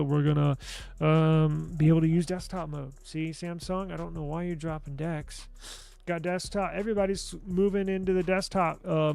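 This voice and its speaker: Gravelly-voiced man hyping tech deals. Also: fairly high pitch. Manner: loose, excited, restarts and casual swearing. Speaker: tech news host. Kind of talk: casual deal walkthrough. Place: indoor home studio desk. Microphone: desk microphone.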